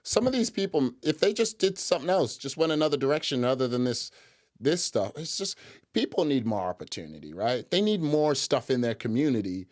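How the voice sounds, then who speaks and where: A man's voice: mid-range voice, big pitch swings, a little fast. A man hosting a casual reaction commentary, rambling, sarcastic and profane. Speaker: commentary host.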